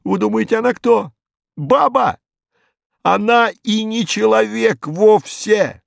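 A terrified, superstitious crook informer, as a man puts him on, his voice pushed up high and strained. He rambles and pleads in a jumpy rush, with a gravelly rasp under it. The audiobook read is dry and close. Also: slow pace, no room sound, exaggerated voice. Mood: insistent. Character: frightened, superstitious male gangster informer.

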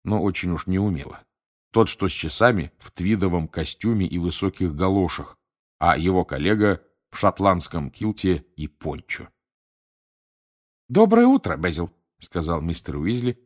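A man narrating an audiobook in an even, measured way. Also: deep voice. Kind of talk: audiobook reading.

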